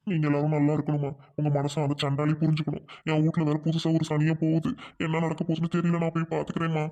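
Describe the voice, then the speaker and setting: Kindly older village woman played by a woman, low mellow voice, quick pleading delivery. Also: completely flat delivery, lightly acted. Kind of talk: village comedy drama.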